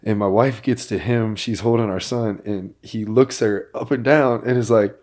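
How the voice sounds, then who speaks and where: A man hosting a podcast, telling a story in an animated way that builds to excited bursts. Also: on the low side, normal speed. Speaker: podcast host. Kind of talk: casual chat.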